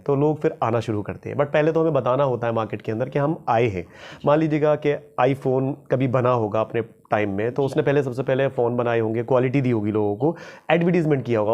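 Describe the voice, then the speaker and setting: A man's voice: mid-range voice, a little mellow. A man teaching English at a local institute, answering interview questions in a casual, humble way, often repeating his phrases.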